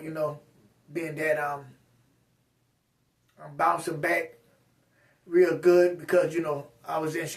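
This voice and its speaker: Recorded from a distance, a man with a fairly high-pitched voice vlogs a casual personal update for his viewers. His speech is slurred, and he rambles in a straight-talking way, packed with fillers and restarts.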